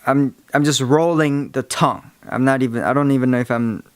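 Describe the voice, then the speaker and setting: A man giving a casual how-to lesson, explaining things in a halting, rambling way. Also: medium pitch, fairly even intonation, no room sound. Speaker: tutorial presenter. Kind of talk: casual instructional talk.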